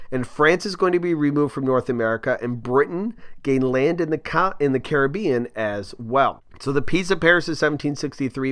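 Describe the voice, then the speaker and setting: A man's voice: medium pitch, fairly bright tone, no room sound. Man, history review lesson, casual and jokey, dry close sound. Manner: casual, jokey, slangy asides. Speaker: history teacher.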